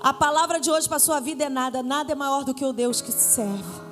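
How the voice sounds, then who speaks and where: A high-pitched woman pastor with a Brazilian accent leads a Pentecostal sermon, teasing her congregation with riddles and building to shouted declarations. Her voice rings out in a church hall with a long reverb tail. Faint music plays behind her. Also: a little fast. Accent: Brazilian Portuguese.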